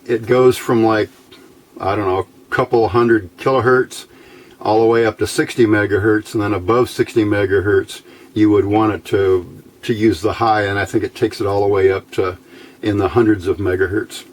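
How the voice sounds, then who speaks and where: A hobbyist presenter shows off electronics test equipment in a casual, unscripted hands-on demo. He explains step by step in a plain, folksy way, his lowish voice moving at normal speed with fairly even intonation.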